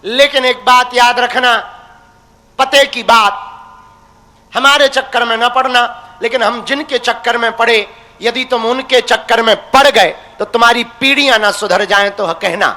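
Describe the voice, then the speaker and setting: A man's voice: extremely high pitch, fairly even intonation, normal speed, pushed and bright. A young man preaching a devotional sermon, teasing and folksy, calling his listeners his crazy ones. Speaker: religious preacher. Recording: long hall reverb.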